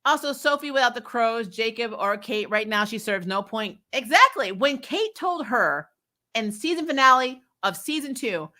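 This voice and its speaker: A woman with a fairly high voice and moderate pace hosts a fan recap show. Her TV commentary is casual and opinionated, delivered bluntly with plenty of swearing and animated mock-quoting.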